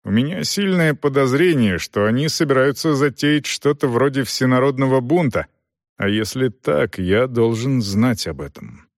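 In an audiobook, a man plays an older father who stays measured and firm. His voice moves with lively intonation. The recording is dry and close to the mic. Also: medium pitch, no echo, natural voice. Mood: persuasive. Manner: measured, persuasive. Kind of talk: audiobook reading.

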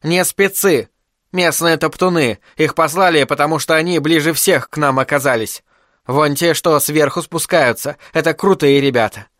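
A man's voice: a little high, moderate pace, a bit bright, no echo, studio quality, lightly acted. A man voicing a tough, practical rebel woman who speaks tersely and commandingly in an audiobook.

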